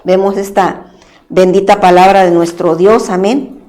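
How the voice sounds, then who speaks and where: A woman's voice: medium pitch, fairly even intonation, measured pace, mellow. A woman preaching at a church program, reading a Bible passage aloud and explaining it with many restarts, adding a tag question after nearly every phrase.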